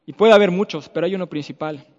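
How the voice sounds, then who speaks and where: A man with a Mexican accent giving an earnest sermon with personal testimony, going from loud to soft. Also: sits high, fast talker, big-room sound, muffled recording. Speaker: preacher.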